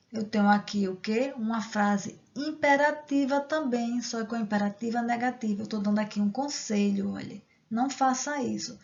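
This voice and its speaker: A woman's voice: mid-range voice, vocal fry, a little mellow, highs cut off. A woman teacher explaining grammar step by step, reading example sentences and checking in with the class. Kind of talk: grammar lesson.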